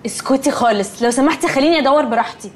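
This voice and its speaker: A woman's voice: high-pitched, rapid-fire, a little hiss or hum, lightly acted. A woman playing a snooty, spoiled young woman. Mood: haughty. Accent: Egyptian Arabic. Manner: snobbish, dismissive, drops English words. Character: haughty spoiled young woman, curt and dismissive. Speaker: Nelly, comic film character. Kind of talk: Egyptian comedy film acting.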